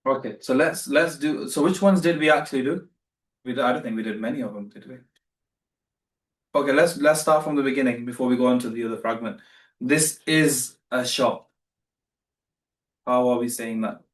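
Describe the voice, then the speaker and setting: A man's voice: medium pitch, moderate pace, long pauses, reverberant, recorded from a distance. A man teaching beginner Arabic in a live online class, patient and repeating himself as he corrects students.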